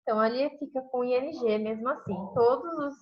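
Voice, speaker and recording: Woman teacher, Brazilian accent, fairly high voice, explains step by step, dull lo-fi audio. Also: fairly quick. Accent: Brazilian Portuguese. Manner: explains step by step, says "né?" constantly. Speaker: English teacher. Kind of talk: online class grammar review. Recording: dull lo-fi online class audio.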